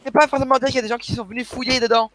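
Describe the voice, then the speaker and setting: A man chatting while gaming, swearing and teasing excitably. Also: very high-pitched, very fast. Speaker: gamer. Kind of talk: casual gaming chat.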